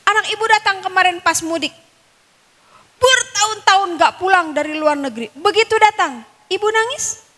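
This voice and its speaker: A woman with a Sundanese accent teaching a Quran study class, quizzing the women listening with questions and chanting Arabic verses slowly. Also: very high voice, animated, bright, forceful tone. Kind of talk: religious study lecture. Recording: long reverb, echoing hall.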